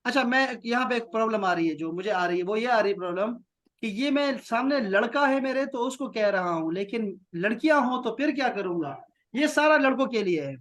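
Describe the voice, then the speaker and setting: A man from Pakistan teaching Arabic to children in an online lesson, patiently repeating short phrases slowly and praising often. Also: very high-pitched, expressive, a bit bright. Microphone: video call.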